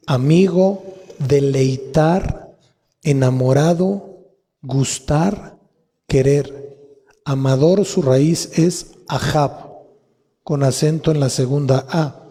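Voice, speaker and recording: Mexican pastor preaching in a reverberant hall. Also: male voice, fairly high pitch, warm tone, slightly rough. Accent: Mexican Spanish. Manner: teaching, spells out Hebrew roots slowly and repeats them. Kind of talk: sermon. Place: church hall. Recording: long reverb of a church hall.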